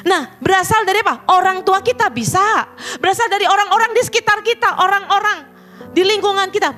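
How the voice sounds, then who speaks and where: A woman pastor preaching a sermon in an animated way, often turning to address the congregation directly. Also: extremely high pitch, a little fast, faint music behind.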